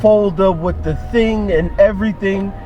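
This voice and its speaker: Animated storyteller man in a car. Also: high voice, normal speed, lo-fi sound, over music. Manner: animated storyteller, laughs often. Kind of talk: casual chat.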